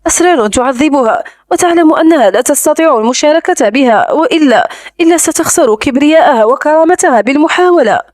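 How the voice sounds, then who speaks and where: A woman narrating a romance novel audiobook in a smooth, even storytelling manner, close to the mic. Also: high voice, fast talker, no room sound.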